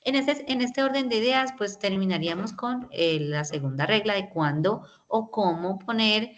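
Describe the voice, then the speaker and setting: A woman's voice: mid-range voice, normal speed. A woman teacher, patiently explaining English grammar in an online class and often checking in with her students. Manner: patient, explanatory, many tag questions.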